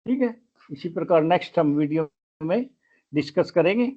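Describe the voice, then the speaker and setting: A man's voice: a little high, expressive, moderate pace, highs cut off. A man teaching English grammar in a lesson, spelling words out letter by letter.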